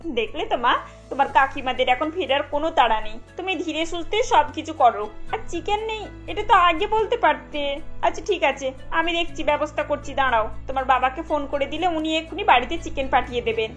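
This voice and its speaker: A woman's voice: high-pitched, fairly quick, faint music behind, close to an everyday voice. A woman voicing a bossy middle-aged mother-in-law in a cartoon, giving commands to her daughter-in-law.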